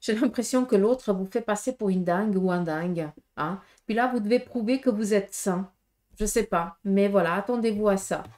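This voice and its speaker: This tarot reader, a woman with a Swiss French accent, talks to her viewers in a casual, blunt way, packing her speech with fillers and tag questions. Her voice sits in the middle range, slightly mellow, at an ordinary pace.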